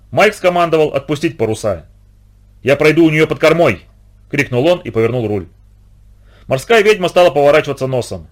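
A man reading a first-person adventure novel aloud as an audiobook narrator, in an expressive, dramatic way. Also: mid-range voice.

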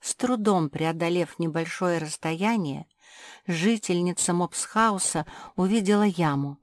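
A woman narrating a children's storybook in a measured, expressive way. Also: lowish voice, no echo, clean studio sound. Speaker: audiobook narrator.

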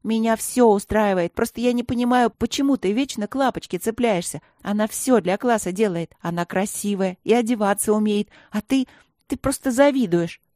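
A woman's voice: medium pitch, normal speed, dark tone, dry recording, clean studio sound, close to an everyday voice. A woman reading a storybook voices a pushy teenage girl who gushes and scolds. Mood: scolding. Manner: gushing and scolding. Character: pushy, gushing teenage schoolgirl.

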